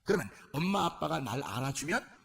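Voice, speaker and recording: A male pastor preaching a sermon and leading a shouted healing prayer with fervent intensity. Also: fairly high pitch, sing-song, fairly quick, creaky, slight background noise. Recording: loud music behind the voice. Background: loud church music.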